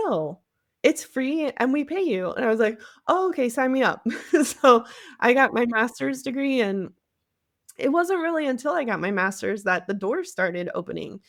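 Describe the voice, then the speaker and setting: Her voice is fairly high, and the studio-quality audio carries no echo. She's an American marketing agency CEO from the Cleveland area, guesting on a podcast and telling her story in a frank, conversational style while often reenacting others' words.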